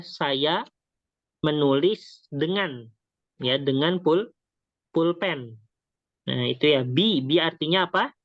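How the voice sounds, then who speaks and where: Slow, patient language teacher. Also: medium pitch, fairly bright tone, dry recording, lo-fi sound. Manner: patient, repeats words and quizzes the class; breaks words off mid-syllable before finishing them. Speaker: Arabic teacher. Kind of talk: beginner language lesson.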